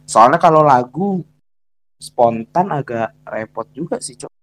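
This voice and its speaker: A man's voice: a little high, expressive, measured pace, fairly bright tone, no echo, rough recording. A man in casual chat as a podcast co-host.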